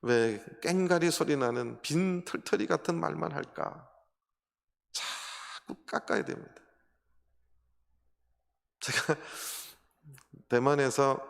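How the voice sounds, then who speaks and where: A man's voice: mid-range voice, normal speed, vocal fry. A man preaching a sermon as a pastor, telling a story and putting rhetorical questions to the congregation. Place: church sanctuary. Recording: long hall reverb.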